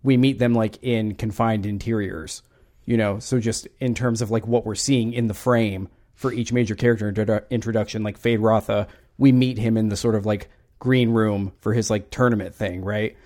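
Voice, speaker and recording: Low-voiced man, measured and hedging. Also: fairly even intonation, darkish tone. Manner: measured, hedging, many fillers. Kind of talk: casual film discussion podcast.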